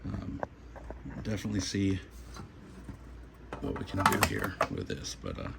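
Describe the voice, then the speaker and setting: This hobbyist in a radio repair video has a rumbling low, gravelly voice with big swings in pitch and a measured pace. His hands-on demo is casual and unscripted, delivered hesitantly in plain, short phrases that trail off, over noticeable hum and noise.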